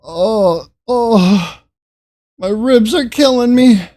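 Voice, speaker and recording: A man's voice: high-pitched, extremely slow, dark tone. An older man chatting casually with viewers on a gaming livestream, joking and breaking into laughing fits between lines. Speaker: gaming streamer.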